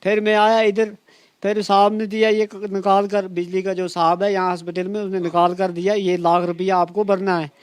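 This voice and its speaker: A man's voice: high-pitched, completely flat delivery, moderate pace, smooth, no room sound. A distressed man, near tears, pleading as he tells a reporter his complaint over and over. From Kashmir. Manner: pleading, repetitive, acts out officials' words.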